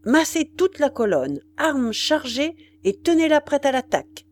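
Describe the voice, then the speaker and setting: Brief: woman narrator as a firm young commander handing out quick orders, audiobook. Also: high-pitched, sing-song, darkish tone, voice pushed up. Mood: decisive. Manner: brisk, decisive orders. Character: young male republican commander, resolute. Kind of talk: audiobook character voice.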